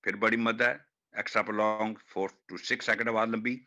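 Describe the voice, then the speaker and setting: A man teaching Quran recitation, demonstrating hard words slowly and repeating each one. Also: on the low side, flat delivery, pushed and bright. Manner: slow, drawn-out demonstration of each word, repeated. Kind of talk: online pronunciation class.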